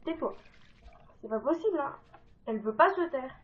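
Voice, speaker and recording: Fast and animated, with a high-pitched voice, this woman runs through game cheat codes in a loose let's-play for her gaming channel. Fillers and jokes at her own expense pepper the talk, and her dull lo-fi mic picks up faint noise.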